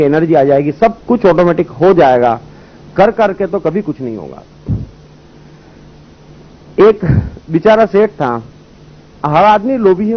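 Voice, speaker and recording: A man's voice: sits high, lo-fi sound. A man giving a spiritual discourse, telling parables and asking rhetorical questions, on an old recording. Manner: storytelling, rhetorical questions, voices characters in anecdotes. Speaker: spiritual speaker.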